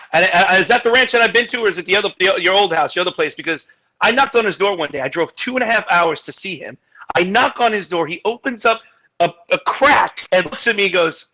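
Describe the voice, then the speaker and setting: A man hosting a casual video-call chat, telling stories loudly and excitedly. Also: sits high. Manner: loud, excitable storyteller. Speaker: host.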